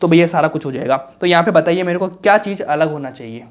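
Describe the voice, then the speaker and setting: A man's voice: on the high side, fast. A young man teaching chemistry for an entrance exam in a casual, colloquial lecture, asking himself questions and answering them, reassuring his students. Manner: colloquial, reassuring, calls students bhaiya and raja.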